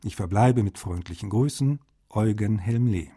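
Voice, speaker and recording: An actor voices a courteous, meticulous male translator reading formal letters aloud for a radio feature. He sounds precise, polite, mellow and slightly husky, with a fairly low pitch and a moderate pace.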